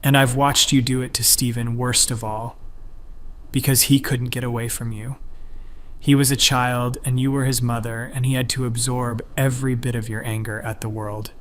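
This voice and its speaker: A quiet middle-aged woman speaks with sorrow rather than anger, voiced by a male narrator. Her words come soft and sad at a middle pitch. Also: level tone, moderate pace, natural voice.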